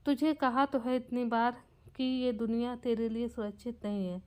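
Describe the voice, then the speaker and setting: A stern, protective mother, curt and firm in the way she scolds, as a woman reads her lines in a storybook tale. The voice is smooth and clear and sits fairly high. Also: fairly even intonation, moderate pace, a little mellow, natural voice. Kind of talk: storybook narration with acted quotes.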